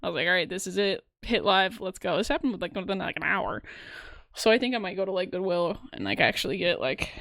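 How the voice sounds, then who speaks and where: A woman's voice: on the low side, animated, brisk, vocal fry, fairly bright tone, no room sound, studio quality. A young woman co-hosting a podcast, chatting casually and rambling with lots of fillers. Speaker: podcast co-host and streamer.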